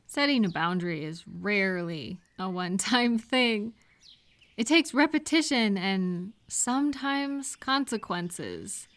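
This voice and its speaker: A woman with a medium-pitched voice takes the role of a gentle, supportive friend in a casual, intimate audio roleplay. She speaks to the listener slowly and reassuringly.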